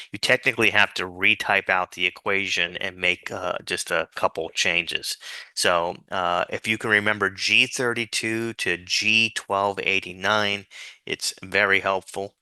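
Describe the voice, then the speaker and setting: Slow, crisp-voiced man dictating tutorial steps. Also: low-pitched, sharp tone, dry recording. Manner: dictating formulas piece by piece, spelling out letters and symbols. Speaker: software tutorial instructor. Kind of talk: step-by-step spreadsheet screen tutorial.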